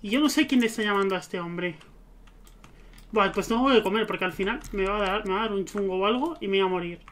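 A man's voice: high-pitched, fast, a bit bright, a little hiss or hum. A man giving casual gameplay commentary, chatting to his game characters. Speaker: let's play gamer.

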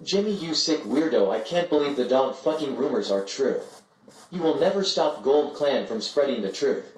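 A synthetic male text-to-speech voice reading out messages in an even, flat delivery. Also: medium pitch, moderate pace. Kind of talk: synthetic read-out of viewer messages. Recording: echoey room, far off, faint noise.

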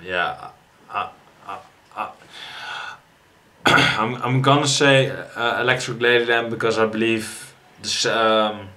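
A man's voice: fairly low pitch, fairly even intonation, takes it slowly, sharp tone. A tired man hosting a music reaction video, rambling casually with frequent restarts and swearing. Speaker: music reaction channel host.

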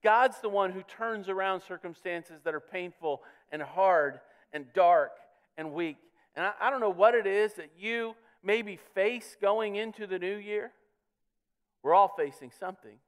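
In a church sanctuary, a pastor with a high, smooth, unhurried voice preaches an earnest sermon. He often repeats words as he builds toward his points, swelling on the key ones.

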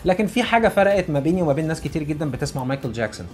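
Fast-talking Egyptian man giving advice. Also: a little high, big pitch swings, faint music behind. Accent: Egyptian Arabic. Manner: earnest, repeats key points for emphasis. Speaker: English teacher and YouTuber. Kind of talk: casual motivational talk to camera.

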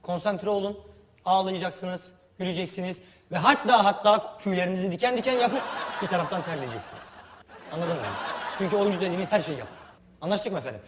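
Man, high voice, pompous mock-formal director, bossy, roomy hall with loud noise. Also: fast. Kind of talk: comic improvised sketch.

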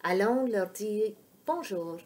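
A woman's voice: medium pitch, expressive, slow pace, darkish tone. A woman reading a storybook aloud, voicing a confident older girl who patiently explains the world to a younger child. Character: confident, knowing big-sister girl who likes to explain.

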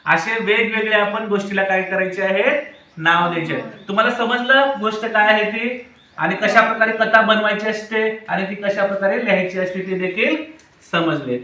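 A man's voice: high voice, fairly even intonation, moderate pace, sharp tone. A man teaching a classroom of children, asking them questions and prompting answers. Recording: very echoey room, voice from far off.

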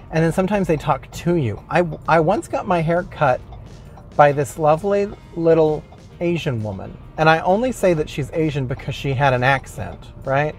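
A slightly high-voiced man complaining from behind the wheel. He is rambling and self-mocking, and faint music plays underneath. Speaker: vlog host. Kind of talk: casual comedic rant. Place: in his car while driving.

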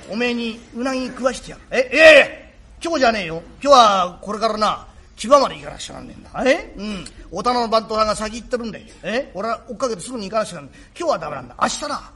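A man playing a remorseful rough working-class father, gruff yet tender, in old Tokyo shitamachi speech. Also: extremely high pitch, sharp tone, heavily acted. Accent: Tokyo shitamachi (Edo). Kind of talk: rakugo storytelling.

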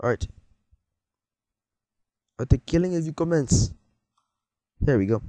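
Commenting casually as he plays a game, a teenage boy rambles, jokes with his viewers and startles easily. He speaks in a warm, animated male voice of fairly high pitch at a measured pace, with no echo in the recording.

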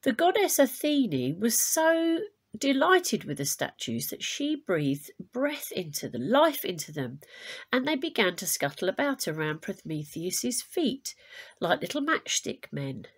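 Reading a storybook to her pupils, a woman teacher uses a fairly high, husky voice. Her delivery is expressive and unhurried, and she adds explanations along the way.

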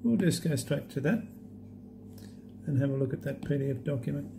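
A man walking through an app demo in a relaxed, halting way with many fillers. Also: mid-range voice, creaky, noisy background. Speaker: app demonstrator. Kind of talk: unscripted screen demo walkthrough.

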